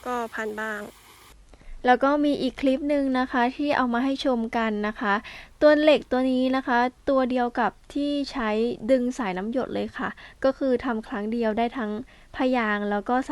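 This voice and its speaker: Recorded with no echo, a fairly high-pitched woman farmer casually and politely explains preparing a planting field one step at a time. She softens her speech with particles in this informal how-to while demonstrating the field work.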